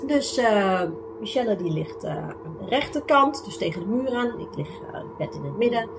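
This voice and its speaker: A young woman vlogger tells her true spooky experiences in a casual, rambling way. Her voice sits a little high and she sometimes drops to a whisper or gets loud when the story peaks. Music plays clearly behind her. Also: moderate pace. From Netherlands. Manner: chatty, many fillers, dips to whispers, rises to shouts when excited. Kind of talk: telling true ghost stories. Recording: music playing underneath.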